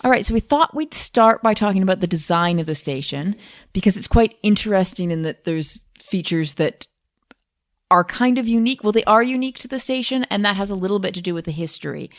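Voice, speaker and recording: A woman's voice: mid-range voice, animated, fairly quick. A woman co-hosting a casual podcast, chatty and self-deprecating. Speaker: podcast co-host.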